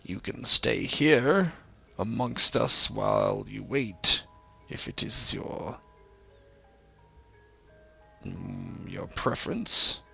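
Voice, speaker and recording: Guy putting on a gruff armored guard, metallic muffled helmet voice, low and gravelly, slow and curt. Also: animated, pushed and bright, soft background music, heavily acted. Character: stern heavily armored male castle guard. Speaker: game master.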